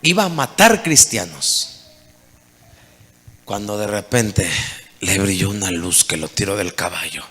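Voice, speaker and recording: A man's voice: low voice, expressive, unhurried, pauses often, pushed and bright, husky. A man preaching a sermon as pastor, calling out to the congregation with mounting intensity. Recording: long hall reverb.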